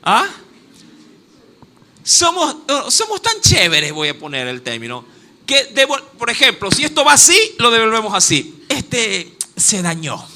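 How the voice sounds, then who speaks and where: A man's voice: very high voice, unhurried, slight background noise. A man with a coastal Ecuadorian accent preaching a sermon, calling listeners "my beloved" and stopping now and then to look up verses. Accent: Ecuadorian coastal (Guayaquil). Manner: animated preaching, addresses listeners as "mi amado"; acts out exclamations, stops to look up verses. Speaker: pastor.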